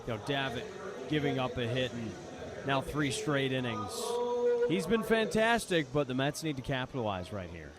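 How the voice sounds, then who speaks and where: A man with a mid-range, very animated voice offers live, conversational baseball color commentary at normal speed, often repeating words as he reasons things out. A loud crowd and faint outdoor ballpark ambience sit behind him.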